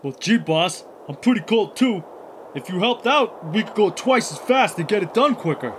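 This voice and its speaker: A man's voice: sits high, lively intonation, normal speed, a little hiss or hum. A man voicing a dim-witted, whiny henchman, the poacher's muscle, in a children's audio adventure. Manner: dopey, complaining.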